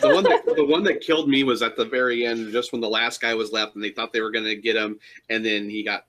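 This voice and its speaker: A man's voice: fairly low pitch, fast talker, fairly bright tone. A man co-hosting a podcast who retells a scene in a casual, amused way. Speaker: podcast co-host. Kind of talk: casual chat.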